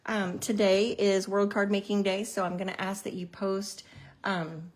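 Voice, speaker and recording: A woman's voice: medium pitch, flat delivery, unhurried. A middle-aged woman from Missouri chats through her card-making livestream. She rambles with plenty of ums and restarts. She sounds a little out of breath. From Missouri, USA. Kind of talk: casual livestream chat.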